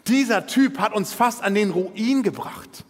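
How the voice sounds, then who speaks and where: A preacher doing a furious older brother. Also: male voice, sits high, a little slow, long reverb tail. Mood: indignant. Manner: indignant, scolding. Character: resentful angry older brother, young man.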